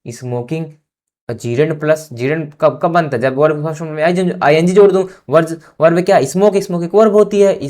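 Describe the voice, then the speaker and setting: Man teaching grammar, chatty, checks in often, spells words out slowly. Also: mid-range voice, darkish tone. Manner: keeps asking "samajh mein aaya?", drawn-out spelling and dictation. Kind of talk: informal classroom lesson.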